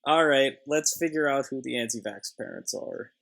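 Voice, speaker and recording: A man's voice: medium pitch, normal speed, gravelly, fairly bright tone, low-quality recording. A man co-hosting a casual gaming chat, ranting and breaking into song. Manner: ranting, sings along jokingly. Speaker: gaming podcast co-host.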